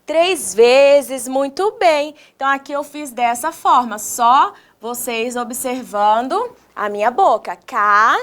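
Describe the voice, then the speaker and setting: A woman with a Brazilian Portuguese accent teaching young children in a recorded video lesson, sounding words out slowly, syllable by syllable, and asking the viewers questions in an encouraging, sing-song teacher voice. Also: high voice, animated. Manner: slow, exaggerated syllable-by-syllable pronunciation with questions to the viewers.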